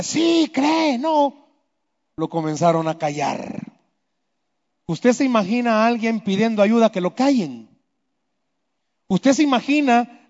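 A man preaching a sermon, swinging between loud emphatic lines and hushed low ones. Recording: echoey hall, dull lo-fi sound.

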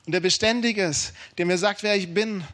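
A man in his thirties preaching a sermon, emphatic and informal, swinging between urgent and hushed delivery. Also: high voice, fairly quick.

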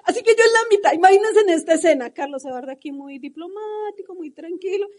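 A woman's voice: extremely high pitch, lively intonation, fast talker, a little mellow. A middle-aged Colombian woman with a Colombian accent, passionately telling her story in a motivational talk to a live audience. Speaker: motivational speaker.

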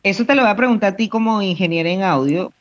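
A woman, co-hosting a podcast, expressive and thinking aloud. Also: medium pitch, fast talker. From Venezuela. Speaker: podcast co-host, trained actress. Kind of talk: casual podcast chat. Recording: dull lo-fi audio.

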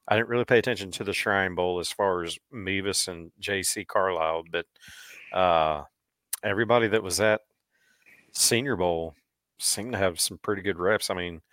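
Low-voiced man in casual sports talk. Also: a bit bright, dry recording. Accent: Missouri. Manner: chatty, laughs often, restarts. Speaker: podcast co-host.

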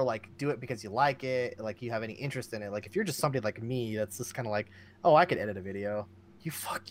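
Lively, swearing man chatting casually. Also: medium pitch. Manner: animated, swears often, laughs a lot. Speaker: guest streamer. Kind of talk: casual podcast chat.

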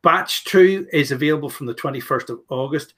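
A man's voice: fairly high pitch, brisk, a bit bright, a little hiss or hum. A man co-hosting a tasting, chatting casually and introducing products. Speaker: co-host of whiskey tasting.

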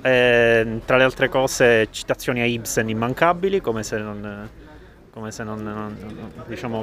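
A man's voice: mid-range voice, fairly bright tone. A man hosting a casual film review chat, blunt and dismissive, restarting phrases often. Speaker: film podcast host.

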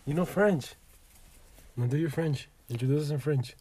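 A man's voice: a little high, moderate pace, breathy edge, no echo. A man co-hosting a casual podcast, bossy and profane, urging his friends on. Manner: bossy, loud, swears freely. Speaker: podcast co-host. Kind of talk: casual chat.

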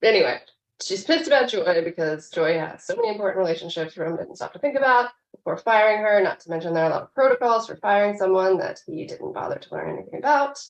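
A woman's voice: mid-range voice, fast, reverberant, lo-fi sound. A woman co-hosting a podcast, recapping a TV episode in casual, chatty talk. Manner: chatty, animated recapping with frequent laughs. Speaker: podcast co-host.

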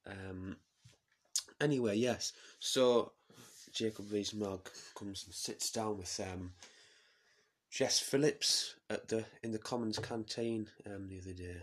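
A man with a low, husky voice talks very slowly. He tells a rambling, deadpan comic story, with plenty of fillers. This is a casual podcast chat.

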